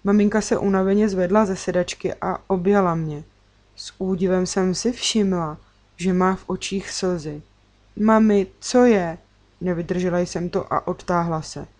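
A woman narrating a children's story in the first person, in an expressive reading manner. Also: lowish voice.

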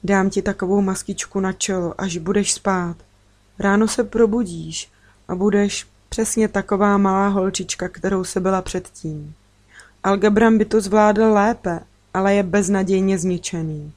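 A woman voicing a calm, kind alien girl from another planet who talks seriously and gently in a storybook reading. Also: medium pitch, lightly acted. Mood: gentle. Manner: serious, gentle, matter-of-fact.

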